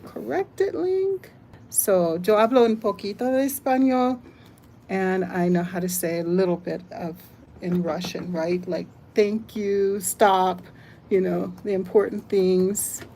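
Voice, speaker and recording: An older American woman hosts a casual live stream, chatting, reading comments aloud and thinking out loud. Her voice sits at a medium pitch and moves slowly, with slight background noise behind it.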